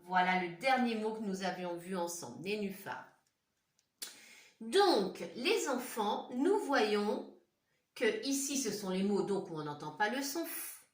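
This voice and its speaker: Slow, lively woman teacher in echoey room. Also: mid-range voice, far from the mic. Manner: slow, clearly articulated, repeats words syllable by syllable; talks directly to children, asking questions. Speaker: primary school teacher. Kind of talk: home-school phonics lesson for young children. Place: classroom or home room with a whiteboard.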